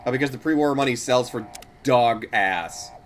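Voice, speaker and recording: A man casually chatting and swearing while playing a game with a friend, laid-back and quick to laugh. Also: mid-range voice, slight background noise. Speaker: gaming co-host. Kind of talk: casual gameplay chat.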